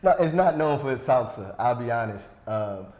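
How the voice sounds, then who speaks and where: Here a man hosts a podcast, chatting in a relaxed interview style and tossing in jokey jabs at himself. His mid-range voice has a darkish tone, lively intonation and a moderate pace, and the room echoes.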